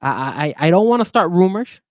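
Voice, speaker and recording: A man co-hosting a casual sports podcast, talking in an animated way with frequent restarts and hedges. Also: high voice, fast, no echo. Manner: animated, hedging, many restarts. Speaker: podcast co-host.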